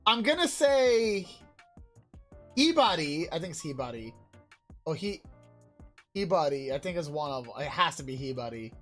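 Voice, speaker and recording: Excitable swearing woman streamer. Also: sits low, normal speed, pauses often, faint music behind. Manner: excitable, swears a lot, shouts in surprise. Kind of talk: casual gameplay commentary.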